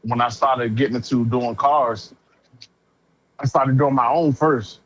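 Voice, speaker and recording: Over a noisy phone connection, a talkative prospective renter, self-taught in auto body painting, speaks casually and with plenty of slang. His voice sits at medium pitch with fairly even intonation and a measured pace, and he tends to repeat himself.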